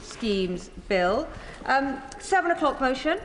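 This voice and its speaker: A British woman speaks as a parliamentary presiding officer, formal and authoritative. Her voice sits fairly high and carries through a large chamber with long reverb and some background noise. She delivers procedural announcements in measured phrases. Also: sing-song. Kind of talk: formal parliamentary procedure, calling votes and business.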